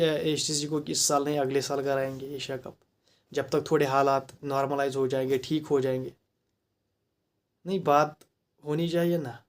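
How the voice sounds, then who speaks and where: Man, Kashmiri accent, heated opinion monologue, rhetorical, slightly high-pitched. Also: a little mellow. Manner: heated, rhetorical, mixing in English phrases. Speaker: commentator.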